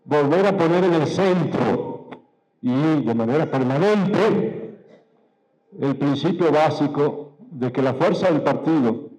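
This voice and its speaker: A man giving a political speech to party members, measured and emphatic, posing rhetorical questions and repeating key phrases. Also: fairly high pitch, lively intonation, darkish tone, rough recording. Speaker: political speaker.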